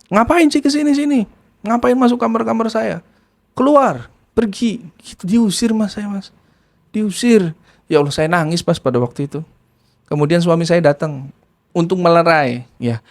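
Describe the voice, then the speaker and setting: A man casually retelling a story in first person, acting out voices and sound effects as he goes. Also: fairly high pitch.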